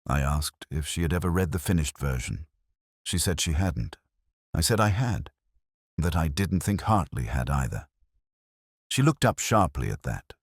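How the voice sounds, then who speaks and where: A man acts the part of a middle-aged police inspector, narrating a detective drama in the first person from a script with an extremely deep, husky voice. His measured, melancholy, literary sentences are brooding and erudite, heavily acted with lively pitch rises and falls. The recording is close and dry.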